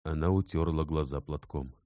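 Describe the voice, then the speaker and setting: A man narrating a classic novel in a measured, calm storytelling manner. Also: rumbling low, no room sound, clean studio sound.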